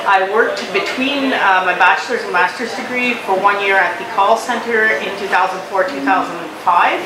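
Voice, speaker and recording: A woman in her thirties with a Canadian accent, a council candidate talking through her background and platform in a measured, explanatory way, often pausing to search for words. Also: mid-range voice, reverberant, distant mic, heavy background noise. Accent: Canadian English. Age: 30s. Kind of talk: campaign interview statement.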